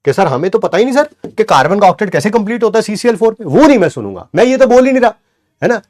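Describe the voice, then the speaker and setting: Lively encouraging male chemistry teacher. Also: high-pitched, quick pace. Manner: encouraging, answers his own questions in students' voice; counts aloud while pointing at the board. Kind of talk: online class lecture.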